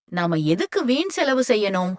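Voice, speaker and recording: A woman's voice: mid-range voice, very animated, a little slow, dry recording, studio quality. A woman voicing a stingy older village mother-in-law who scolds and speaks sternly. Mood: scolding.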